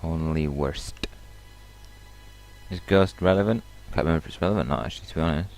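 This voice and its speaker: A man's voice: low-pitched, racing, creaky, darkish tone, faint music behind. A man giving casual, offhand commentary over a video game as he plays, joking about it. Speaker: let's play host.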